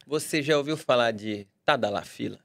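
São co-host, relaxed wry delivery, mid-pitch voice. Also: male voice, moderate pace, gravelly, a little hiss or hum. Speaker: podcast co-host reading superchats. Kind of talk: casual podcast chat.

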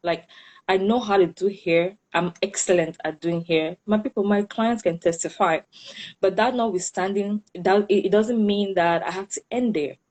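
A woman with a Cameroonian accent speaks as a guest in a casual interview. Her voice sits at a medium pitch. She feels her way through answers, restating phrases as she explains. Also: normal speed, a little mellow. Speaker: interview guest, hairstylist and entrepreneur.

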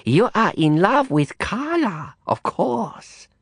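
A silky, threatening madam, voiced by a male audiobook narrator, drawls her words slowly with a lively, swooping pitch. Her menace sits under a theatrical sweetness, recorded dry and close. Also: breathy edge, no echo, heavily acted. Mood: mocking. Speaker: narrator voicing a character.

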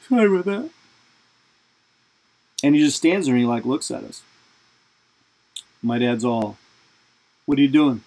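A man's voice: a little high, very animated, a little slow, long pauses, mellow, rough recording. A man hosting a podcast, telling a funny personal story in a casual, rambling way. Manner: casual, rambling, lots of fillers. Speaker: podcast host. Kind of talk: storytelling monologue.

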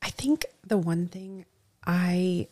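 A woman working as a veterinarian, speaking sincerely and deliberately with frequent restarts. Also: fairly low pitch, dark tone. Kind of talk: interview answers.

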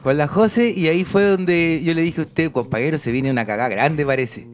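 A man with a Chilean Spanish accent, co-hosting a radio show with slangy, deadpan satirical banter. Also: a little high, a little fast.

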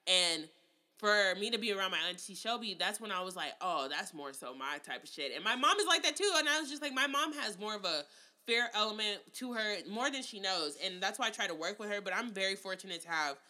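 A woman on a casual podcast with a very bright, sharp-edged voice. She talks in a profane, emphatic rush, ranting straight at her listeners. Her pitch sits in the middle for a woman. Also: lively intonation, a little fast.

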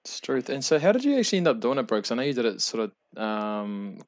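A man's voice: medium pitch, big pitch swings, fast talker. A man with a New Zealand accent hosting a casual interview, asking long rambling questions in friendly, slangy talk. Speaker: interviewer, podcast host.

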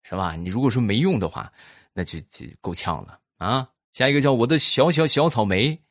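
A man's voice: mid-range voice, animated, brisk, dry recording, studio quality. A man hosting a podcast, telling funny stories and reading listener comments while teasing his audience. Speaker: podcast host.

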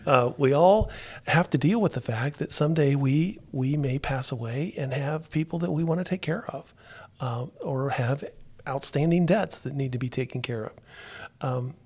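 A man's voice: medium pitch, a little mellow, breathy edge. Podcast host, male, from Florida; easygoing chat with frequent "uh"s and restarts. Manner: unhurried, with many fillers and restarts. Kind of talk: casual talk-show chat.

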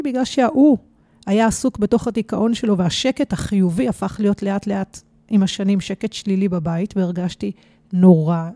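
A woman, a podcast guest, telling a personal story with animated emphasis. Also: mid-range voice, no room sound.

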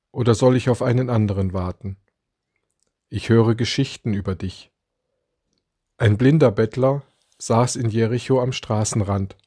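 Male preacher, unhurried scripted devotional reading, dry booth-like sound. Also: mid-range voice, dark tone, slightly rough, no room sound. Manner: slow, deliberate reading with dramatic quoted lines. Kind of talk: read Advent devotion.

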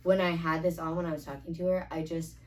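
A woman's voice: sits low, little pitch movement, fast. A young woman in casual chat, rambling with a constant "like" and casual swearing. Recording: slightly distant mic, faint background noise.

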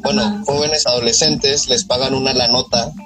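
A man with a Mexican accent talks as a podcast host in an informal, slangy way. His voice sits at an average male pitch. Faint guitar music plays behind him. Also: steady tone, normal speed, low-quality recording. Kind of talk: casual chat.

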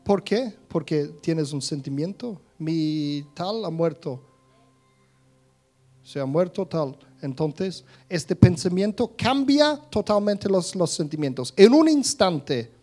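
High-voiced man giving a chatty talk. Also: expressive, measured pace, hardly any pauses, darkish tone, faint music behind. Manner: conversational, many restarts, acts out little scenes. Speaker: speaker giving a talk on thoughts and emotions. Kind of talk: casual spoken talk to an audience.

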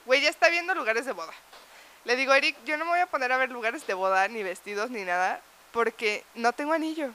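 A woman's voice: fairly high pitch, animated, fast talker, pushed and bright, slight background noise. A young woman with a Mexican accent, telling a story in casual chat. She swears freely and animates the tale with laughter.

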